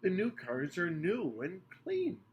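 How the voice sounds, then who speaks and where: A man's voice: sits high, huge pitch swings, slow, a little hiss or hum, pitched above the performer's own voice, heavily acted. A man voicing an eager, childlike young alien boy who pleads and whines.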